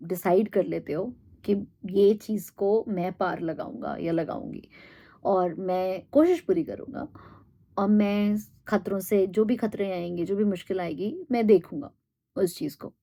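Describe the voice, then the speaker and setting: A woman giving a reflective monologue, thinking aloud with pauses and fillers and mixing in English phrases. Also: mid-range voice, dark tone. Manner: thoughtful, pauses with fillers, mixes Hindi and English. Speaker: host.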